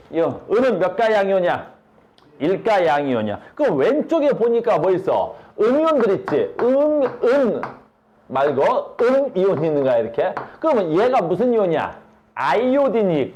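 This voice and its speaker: Animated man teaching a science class. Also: high voice. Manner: asks students constant rhetorical questions. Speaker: high school science teacher. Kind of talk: classroom lecture with questions to students.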